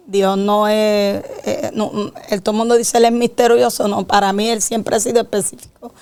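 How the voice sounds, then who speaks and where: A middle-aged woman pastor, telling her personal testimony in an animated, emphatic way. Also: mid-range voice, clean tone.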